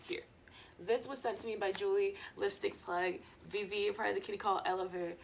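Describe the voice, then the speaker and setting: A woman's voice: medium pitch, steady tone, brisk, gravelly, slight background noise. A woman chatting casually to her viewers as a vlogger, in a loose, rambling, digressive stoner manner.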